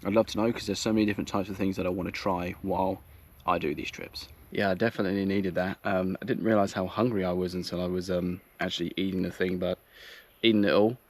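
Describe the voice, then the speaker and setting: A man talking casually and a little haltingly to his viewers in a relaxed, understated camping vlog, recorded outdoors in woodland. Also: sits low. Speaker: vlogger. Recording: clearly noisy outdoor ambience.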